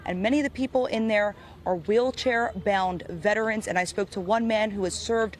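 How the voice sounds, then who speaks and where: A woman's voice: mid-range voice, normal speed. A woman working as a news reporter, delivering live field reporting and scripted narration.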